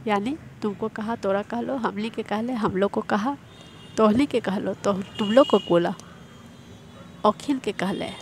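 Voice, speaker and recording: A woman speaking at an unhurried pace in a mid-pitched voice, teaching an exam-prep grammar lesson. She explains step by step and repeats each example. Faint background noise and distant traffic sit behind her voice.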